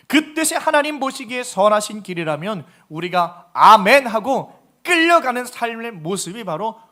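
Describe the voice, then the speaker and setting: Very high-voiced male pastor preaching. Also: pushed and bright. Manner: emphatic, asks the congregation repeated rhetorical questions. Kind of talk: sermon.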